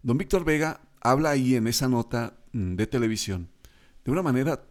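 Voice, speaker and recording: A man's voice: medium pitch, animated, a little fast. Male podcast host, polite and admiring interviewer. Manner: warm, admiring, courteous.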